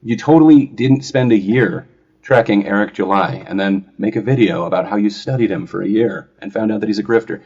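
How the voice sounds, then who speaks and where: A low, husky man hosting a podcast, mocking his critics with heavy sarcasm. The sound is a little dull and lo-fi. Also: fairly quick, a little mellow. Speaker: podcast host. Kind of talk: casual chat.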